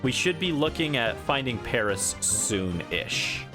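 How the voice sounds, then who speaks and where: Male streamer, playful casual game commentary, very animated delivery, light game music underneath. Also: medium pitch, unhurried. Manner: playful, voices game characters aloud.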